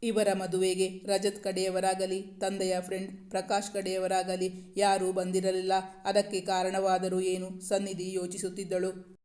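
A man narrating a romance story in a steady reading voice, with small restarts. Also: high-pitched, measured pace. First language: Kannada.

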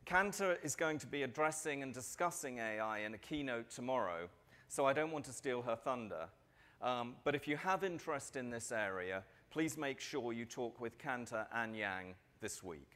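A middle-aged man giving a prepared keynote speech on a large conference stage, speaking at a lectern mic in a measured, steady way with the odd filler. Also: medium pitch.

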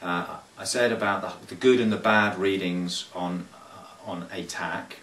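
Filmed in a small carpeted room on a camera mic several feet off, this thirty-something sailing coach explains things casually to camera. His low voice has a steady, fairly bright tone, and he pauses thoughtfully, restarting often and leaning on fillers. The distant recording sounds echoey and roomy.

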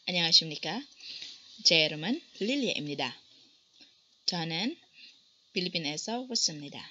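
A woman in her twenties from the Philippines, teaching beginner phrases slowly and carefully, repeating each one for practice. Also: sits low, lively intonation, bright, forceful tone. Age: 20s. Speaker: language teacher and blogger. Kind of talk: beginner language lesson. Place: small room, indoors. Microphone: webcam at desk distance. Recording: dull lo-fi webcam sound with faint noise.

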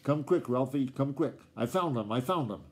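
A man reading a storybook aloud, voicing an excitable old farmer grandfather who talks in a rustic old-time country dialect and snaps and scolds. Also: medium pitch, moderate pace, slightly rough. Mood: excited. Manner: snappish, scolding.

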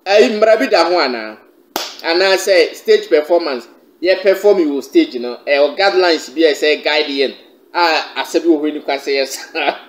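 A Ghanaian man in his thirties talks fairly high straight to the camera. He chuckles as he goes, and the room adds a roomy echo. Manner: chuckling, mixing English with a local language. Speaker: video blogger presenting a trending clip. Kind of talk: vlog commentary. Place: indoors by a staircase.

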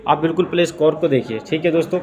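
A man teaching a science demonstration lesson, explaining step by step and filling pauses with "okay" and "friends". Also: a little high, fairly even intonation, a crowd in the background. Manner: repeats "theek hai" and "doston" often.

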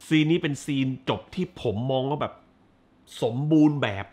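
A man's voice: a little high, moderate pace, a little mellow. A man hosting a casual film review chat, blunt and full of crude slang and swearing, hammering points with repeated words. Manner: emphatic repetitions.

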